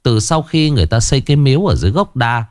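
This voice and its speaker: A man narrating a ghost story in an animated, colloquial storytelling manner. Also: mid-range voice, rapid-fire, no echo, clean studio sound.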